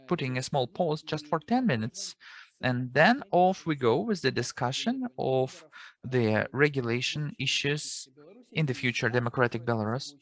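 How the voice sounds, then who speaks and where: A man working as a live simultaneous interpreter at an online seminar, rendering the speakers into English over a video call. He talks haltingly, with restarts and self-corrections as he keeps up. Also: mid-range voice, fairly bright tone.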